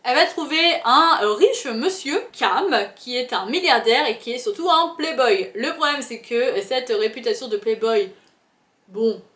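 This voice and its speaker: A woman's voice: fairly high pitch, unhurried, reverberant. A chatty young woman, talking casually about books, full of fillers. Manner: chatty, animated, many fillers. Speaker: book vlogger. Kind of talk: casual chat.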